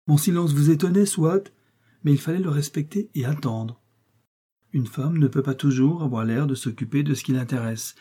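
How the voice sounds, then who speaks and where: A man's voice: mid-range voice, mellow, husky, close to an everyday voice. A man reading aloud, voicing a worried noble countess who scolds and gives urgent orders. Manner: scolding, pressing, anxious. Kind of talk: audiobook reading.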